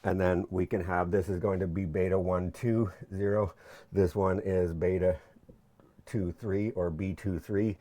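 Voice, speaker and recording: A man's voice: deep voice, fairly even intonation, measured pace, warm tone. Joking young man giving a lecture. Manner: chatty, jokey, restarts sentences often. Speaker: PhD student explaining his research. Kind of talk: informal whiteboard lecture. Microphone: camera mic.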